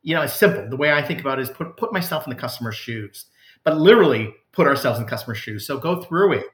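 A man's voice: medium pitch, expressive, fast talker, echoey room. A man, a customer service executive, answering interview questions in an earnest, conversational way with frequent fillers and restarts.

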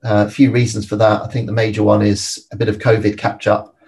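A man gives analytical interview answers as a finance expert. His voice sits fairly low and moves very little in pitch, with a measured, point-by-point delivery. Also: little pitch movement, gravelly, a little mellow. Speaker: private equity expert guest.

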